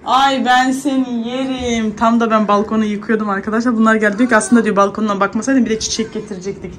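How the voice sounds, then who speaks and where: A woman's voice: mid-range voice, little pitch movement, very fast, slight background noise. A woman in her thirties with a Turkish accent, chatting to viewers in a casual home vlog while she cleans and calls after her kids. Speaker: vlogger, mother.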